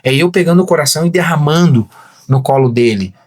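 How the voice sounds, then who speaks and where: A pastor tells his story with a lot of feeling and acts out the voices in it. His voice sits high and swings widely up and down. The tone is husky. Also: quick pace. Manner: animated storyteller, acts out quoted dialogue. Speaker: pastor, podcast guest. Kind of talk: emotional testimony in casual conversation.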